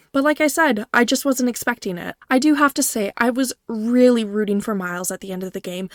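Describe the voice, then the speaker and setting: A woman's voice: a little high, no room sound, studio quality. A woman gaming creator giving a scripted video game review, speaking directly to her viewers.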